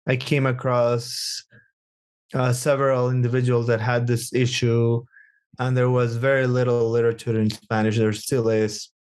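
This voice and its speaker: A man's voice: medium pitch, little pitch movement, normal speed, darkish tone, smooth. A young man from Guatemala, a psychotherapist speaking as a podcast guest, talking casually and searching for words with frequent restarts.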